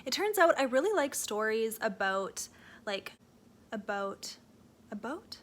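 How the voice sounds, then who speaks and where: Seated in a rocking chair at home, a young woman from Canada with a Canadian accent chats about her reading for her book vlog. She sounds very animated yet unhurried in a higher voice, rambling and correcting herself amid many fillers.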